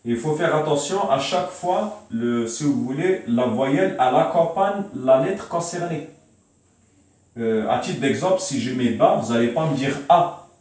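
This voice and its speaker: A man's voice: mid-range voice, expressive, normal speed, darkish tone. A man teaching a beginners' Arabic lesson, explaining patiently and repeating himself with many hesitations. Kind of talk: beginner language lesson at a whiteboard. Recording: very echoey room, mic far off.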